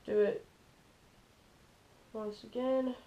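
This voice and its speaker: An extremely high-pitched teen voice draws out its words in a steady tone as a boy hosts a laid-back fishing tutorial from a small bedroom. He rambles loosely, full of "like" and "stuff like that," and the camera audio sounds dull and lo-fi.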